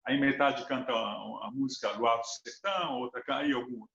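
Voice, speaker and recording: A man's voice: medium pitch, moderate pace, vocal fry, fairly bright tone. A man from Brazil with a Brazilian Portuguese accent, speaking as an interview guest in an earnest, thoughtful way and building his points with examples. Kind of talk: reflective interview talk. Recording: roomy, dull lo-fi sound.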